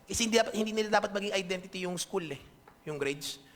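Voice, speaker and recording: Man, pastor, Filipino accent, conversational sermon, bright voice, reverberant church hall. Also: sits high, fast talker. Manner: conversational preaching with frequent checks on the audience.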